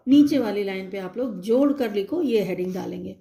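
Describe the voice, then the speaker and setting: A woman teacher giving a slow, patient recorded lesson to young children, spelling out letters and checking in often. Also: mid-range voice, animated, gravelly, warm tone.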